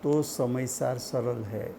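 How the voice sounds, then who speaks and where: A man giving a slow, deliberate religious study lecture, repeating key points for his listeners. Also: mid-range voice, gravelly, noisy background. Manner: slow, deliberate teaching with repetition. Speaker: scripture teacher.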